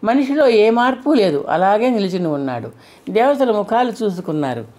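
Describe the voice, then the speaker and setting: Woman in measured audiobook narration. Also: mid-range voice, very animated, darkish tone. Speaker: audiobook reader. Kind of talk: scripted narration of a mythological novel.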